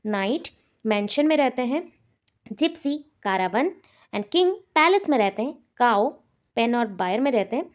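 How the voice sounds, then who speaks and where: A woman's voice: fairly high pitch, expressive, a little slow. A woman teacher from India giving an exam-prep lecture, explaining terms step by step and repeating the key words.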